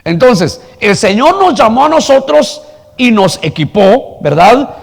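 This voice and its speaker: A man's voice: very high-pitched, big pitch swings, a little slow, creaky, breathy edge, big-room sound. A man preaching a sermon as pastor, asking the congregation rhetorical questions and telling a story. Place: church hall.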